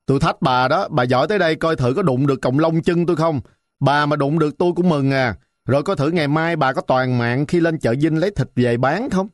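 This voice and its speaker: Brief: man doing a defiant, hot-tempered boy, high, fast, dry close mic. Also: no room sound, close to an everyday voice. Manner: defiant, mocking.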